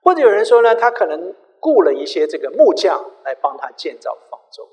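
A man preaching a sermon, telling a story in an animated way, often repeating and restarting words. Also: high voice, brisk. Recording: echoey hall with long reverb.

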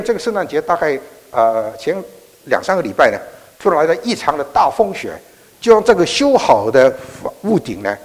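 A man telling a sermon story, animated and halting, with plenty of restarts. His husky voice swings widely in pitch. It rings through a large echoey hall. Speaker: preacher.

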